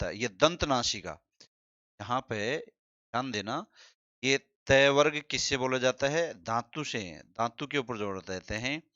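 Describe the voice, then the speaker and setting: A man's voice: mid-range voice, a bit bright, clean tone, no echo. A man teaching a Hindi grammar lesson, repeating key terms and quizzing his listeners. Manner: drawn-out, deliberate delivery. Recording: slightly dull, dry sound.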